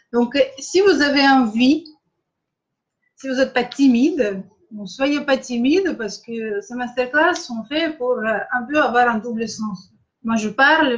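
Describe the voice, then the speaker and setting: A middle-aged Russian woman with a Russian accent hosting a live-streamed masterclass, speaking French hesitantly with many filler pauses and greeting viewers by name. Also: fairly high pitch, lo-fi sound. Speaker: online masterclass host.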